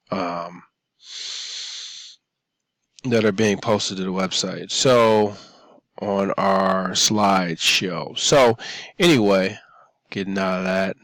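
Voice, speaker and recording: A man, a student, talking over his own screen recording at a computer microphone, halting, with many ums and restarts. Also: low voice, gravelly, a bit bright, no room sound. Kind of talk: narrating a screencast demo.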